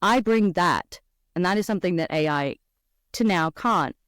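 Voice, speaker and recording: An Australian woman who works as a voice actor chats as a guest on a podcast, telling stories in an animated, expressive way. Her voice is lowish and at a normal pace, captured in a dry, studio-quality recording.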